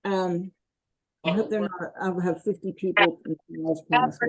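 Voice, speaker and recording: A woman's voice: fairly low pitch, steady tone, normal speed, husky, rough recording. A woman teaching a college class online, calling roll and chatting in an informal, jokey way. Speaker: college instructor.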